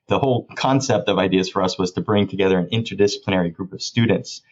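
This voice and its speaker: Man, interview guest, very low voice, slightly dull lo-fi sound, enthusiastic. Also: quick pace. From Miami, Florida. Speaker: guest, government official. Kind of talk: conversational interview answers.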